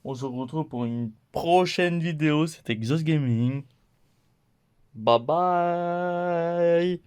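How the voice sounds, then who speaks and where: A manga haul vlogger chats casually as he shows off the manga he bought this week, going slowly through the titles one by one. His male voice sits at a medium pitch with a slightly mellow quality, and he stays playful, laughing at his own mistakes.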